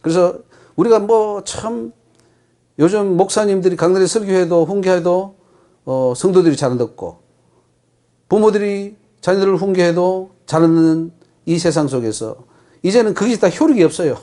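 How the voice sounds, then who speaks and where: A man's voice: sits high, expressive, normal speed, dark tone. A man with a Gyeongsang accent preaching a sermon as pastor, emphatic and putting rhetorical questions to the congregation. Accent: Gyeongsang Korean.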